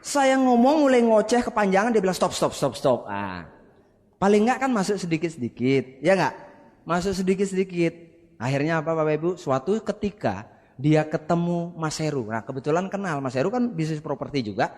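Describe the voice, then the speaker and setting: High-voiced man telling a motivational story. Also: fairly quick, in a large hall. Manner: animated, acts out quoted dialogue, addresses the audience directly. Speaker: business seminar speaker.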